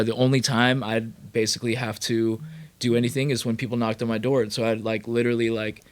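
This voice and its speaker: A man from California, a rapper and producer, telling his career story as a podcast guest in a loose, animated way full of fillers and swearing. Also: medium pitch. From Sacramento, California. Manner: animated, profane, lots of fillers. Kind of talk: casual storytelling.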